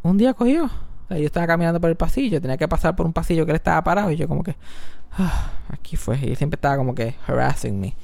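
Animated storyteller, lively pitch. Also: male voice, racing, vocal fry, dry recording. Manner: animated, mixes English into Spanish, acts out voices in high squeals. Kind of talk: casual storytelling chat. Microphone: close studio mic.

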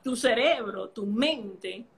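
She speaks slowly but with lively intonation, her voice fairly high, with a little hiss or hum in the recording. A podcast conversation partner from a Caribbean island, she shares a personal story in casual chat, emotional and vivid, using playful sounds to fill gaps.

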